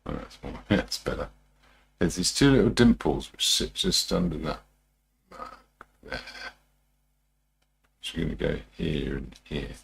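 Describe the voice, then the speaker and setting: A man talking through a live demonstration as a painting instructor, informal and unhurried, muttering his thoughts to himself as he works. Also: very deep voice, expressive, gravelly, slight background noise. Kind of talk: TV painting instructor style, musing aloud while demonstrating.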